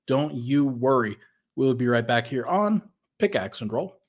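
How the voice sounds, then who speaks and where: A man's voice: medium pitch, lively intonation, measured pace. A man hosting a casual sports podcast, thinking aloud in a conversational way and sounding a little out of breath. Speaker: podcast host.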